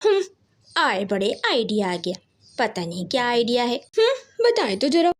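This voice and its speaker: A woman voicing a sharp-tongued female crow wife in a cartoon story, teasing and sarcastic. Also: mid-range voice, very animated, normal speed. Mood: mocking.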